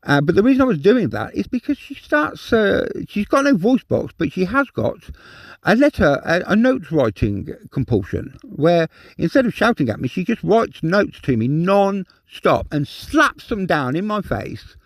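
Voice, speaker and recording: A man's voice: high voice, big pitch swings, normal speed, gravelly, no room sound. A man from England ranting in an agitated personal monologue, repeating himself and swearing in emotional outbursts. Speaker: vlogger.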